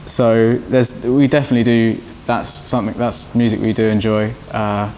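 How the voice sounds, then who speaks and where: Young guitarist, halting, low-voiced. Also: male voice, little pitch movement, darkish tone. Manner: halting, many restarts and fillers. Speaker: band guitarist. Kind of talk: casual interview answers. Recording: faint background noise.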